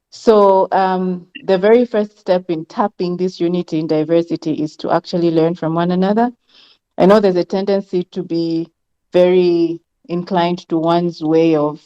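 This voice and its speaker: Low mellow-voiced woman from zambia, measured panel talk, muffled call audio. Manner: measured, thoughtful, with frequent ums. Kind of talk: online panel discussion. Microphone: video call.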